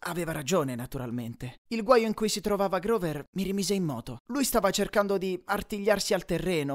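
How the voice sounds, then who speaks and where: A man narrates a first-person adventure audiobook. His voice is animated, with wide swings in pitch. He reads dramatically, sinking low and quiet when the tension builds. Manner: dramatic, dropping low and quiet on tense lines. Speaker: audiobook reader.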